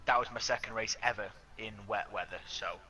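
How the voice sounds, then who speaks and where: Bright-voiced easygoing young man. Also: fairly low pitch, fairly quick, soft background music, poor audio. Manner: easygoing, agreeable, laughs often. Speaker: co-op gaming partner. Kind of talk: casual racing game commentary.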